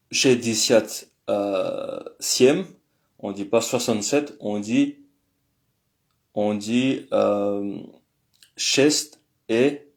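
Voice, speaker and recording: A man's voice: mid-range voice, darkish tone. A man giving a casual spoken language lesson, hesitant and thinking aloud with many fillers. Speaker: language teacher.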